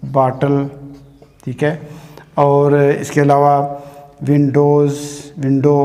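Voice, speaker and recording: A man teaching an English grammar lesson at a board, slow and patient, often checking in with "theek hai". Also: mid-range voice, dark tone, in a large hall. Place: classroom with a board.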